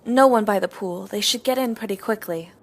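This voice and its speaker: A woman playing a calm surveillance operator who guides agents in a spy film. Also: medium pitch, brisk, natural voice. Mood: calm, informative. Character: calm female surveillance operator guiding spies. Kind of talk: scripted dramatic acting in a spy film. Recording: faint background noise and ambience.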